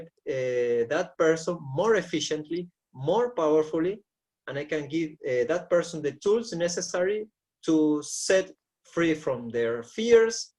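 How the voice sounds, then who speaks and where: An earnest man in his forties from Argentina, speaking English as a second language, with a somewhat high voice. He answers interview questions carefully, often repeating a word as he searches for the right phrasing. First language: Spanish. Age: 40s. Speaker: shamanic coach.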